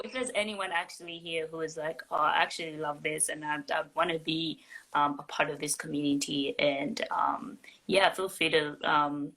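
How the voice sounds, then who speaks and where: A woman's voice: sits low, a bit bright, rough recording. A woman hosting a live stream chat, upbeat and encouraging, laughing often. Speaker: host. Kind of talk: casual chat. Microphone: phone on a live stream.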